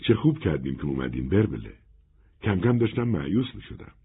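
A man voicing a gentle, melancholy wandering man in a soft, husky, resigned tone. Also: low-pitched, very animated, exaggerated voice. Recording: narrow phone-like band.

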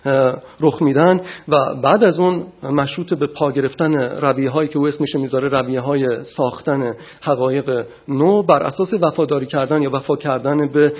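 Hesitant male philosophy lecturer, husky. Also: mid-range voice, fairly even intonation, dull audio. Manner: measured, frequent hesitations.

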